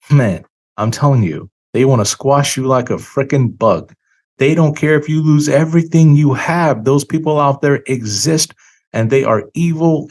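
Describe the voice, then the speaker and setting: A man hosting a finance talk, speaking earnestly and emphatically, slowing down to stress key words, and saying he feels tired. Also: mid-range voice, a little mellow. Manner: earnest, preachy, emphatic with dramatic slow stresses. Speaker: financial show host. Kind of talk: solo commentary monologue.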